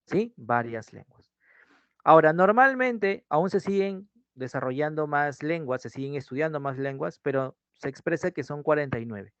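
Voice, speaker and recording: A man's voice: on the high side, lively intonation, normal speed, a bit bright, no echo. Man, online class teacher, repeats points, dull lo-fi sound. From Peru. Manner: repeats key phrases, checks in with "¿sí?". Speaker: pre-university language teacher. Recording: dull, dry lo-fi mic sound.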